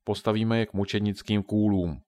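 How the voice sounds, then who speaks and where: A man voicing a huge bearlike camp chief in a children's audiobook, speaking in a deep, loud, stern and threatening way. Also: fairly even intonation, no room sound, clean studio sound, natural voice. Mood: gruff, stern.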